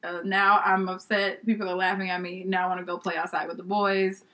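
A woman's voice: lowish voice, level tone, brisk, pushed and bright. A woman guest in a casual interview recalls her childhood with lots of animation. She laughs often and mixes slang with a little swearing. She acts out the people she quotes in a chatty, easygoing way.

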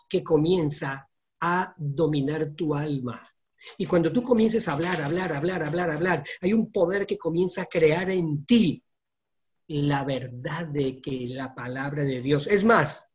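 A man preaching a sermon, animated, moving between soft and loud delivery. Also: fairly high pitch.

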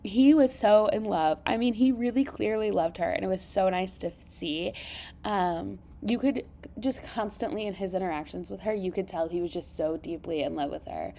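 Woman, podcast host, strong vocal fry, soft-edged mellow timbre, stuffy sinuses, casual emphatic review chat. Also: mid-range voice, moderate pace, a little hiss or hum. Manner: informal, emphatic, enthusiastic. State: congested sinuses.

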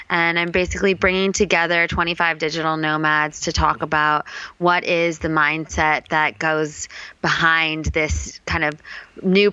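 A woman's voice: deep voice, bright, forceful tone, smooth, dry recording. A woman in her twenties from California, talking casually and reflectively as an interview guest, with many ums. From California, USA. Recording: dull lo-fi sound, dry.

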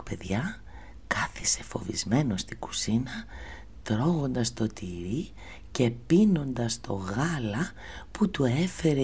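A woman telling a fairy tale to children in a soft, half-whispered voice, often speaking to them directly. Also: a bass voice, breathy edge. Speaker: storyteller reading to children. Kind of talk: children's story narration.

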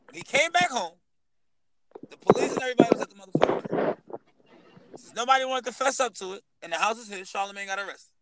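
A man co-hosting a casual podcast, telling a story in an animated way with lots of profane slang. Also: very high-pitched, quick pace, long pauses, a little hiss or hum, low-quality recording. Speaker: podcast co-host. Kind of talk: casual heated chat.

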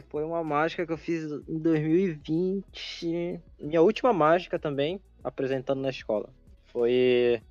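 A young man on a casual podcast, excitedly telling stories full of slang. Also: a little high, no echo. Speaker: podcast co-host. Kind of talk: casual chat. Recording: dry, dull lo-fi with faint music.

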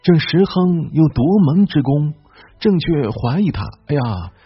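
A man's voice: a little high, lively intonation, unhurried, slightly rough, dry recording, lo-fi sound, soft background music, voice pushed up. A man voicing a suspicious Ming-era emperor who muses aloud and questions his ministers. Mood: musing. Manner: musing, probing questions.

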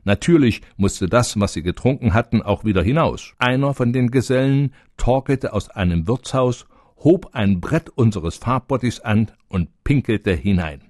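A man narrating a storybook tale in a calm, even manner. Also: medium pitch, moderate pace, no echo, studio quality.

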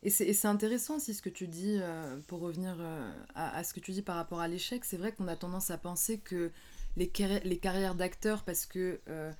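A woman's voice: fairly low pitch, dark tone. A woman interviewing a guest, thoughtful and hesitant, with many fillers. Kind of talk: casual interview conversation.

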